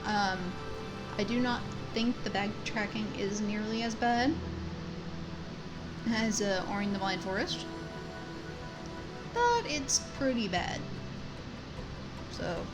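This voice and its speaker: Chatty woman gamer over clear game music. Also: medium pitch, lively intonation, takes it slowly, pauses often, poor audio. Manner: chatty, self-deprecating, talks to game characters. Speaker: gamer commentating a playthrough. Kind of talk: casual game commentary. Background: video game music.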